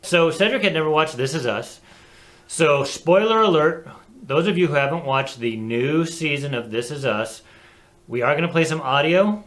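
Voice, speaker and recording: A man co-hosting a casual talk show, animated and chatty, laughing easily. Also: fairly high pitch, moderate pace. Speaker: co-host. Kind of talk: casual chat.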